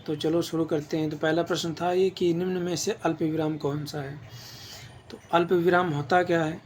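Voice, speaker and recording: A man's voice: fairly high pitch, level tone, moderate pace, a little mellow, slight background noise. A man teaching an exam-prep grammar lesson, explaining patiently and checking in with his listeners as he goes.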